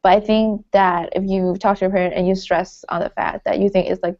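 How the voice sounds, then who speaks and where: A woman's voice: medium pitch, flat delivery, fairly quick, a little mellow. A young woman from Florida, a college student on a panel, talking casually with many fillers and restarts. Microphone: video call. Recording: lo-fi video call audio.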